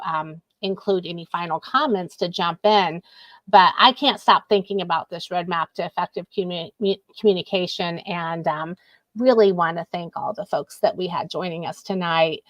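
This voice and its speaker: Woman host running a teacher panel, lowish voice, dry sound, keeps it upbeat. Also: steady tone, moderate pace, no echo. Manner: encouraging, affirming, wraps up with takeaways. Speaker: panel moderator. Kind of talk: virtual panel discussion.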